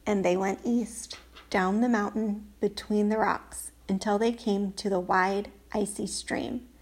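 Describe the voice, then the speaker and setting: A woman's voice: medium pitch, fairly even intonation, unhurried, slightly rough. A woman reading a children's storybook aloud, lifting her voice for the characters' lines. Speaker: audiobook reader. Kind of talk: storybook narration.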